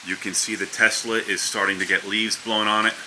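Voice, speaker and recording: A man's voice: fairly low pitch, level tone, brisk. A man narrating a casual vlog outdoors from under a house porch during a storm. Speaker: vlogger. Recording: wind, rain and hiss behind voice.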